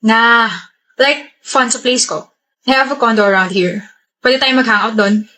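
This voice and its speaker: A woman playing a cocky young man in a comedy skit, talking in a smooth, teasing way. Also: fairly high pitch, steady tone, unhurried, pushed and bright.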